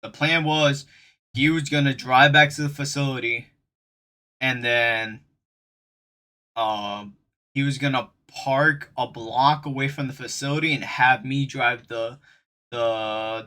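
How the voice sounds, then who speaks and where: A young man telling a casual storytime in an animated, slangy way, acting out the quotes. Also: medium pitch.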